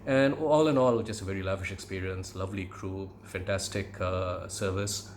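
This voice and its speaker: A middle-aged man from India with an educated Indian English accent, reminiscing in a conversational monologue with measured, hesitant phrasing. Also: sits low, fairly even intonation, slight background noise. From Calcutta, India. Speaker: podcast host, aviation commentator.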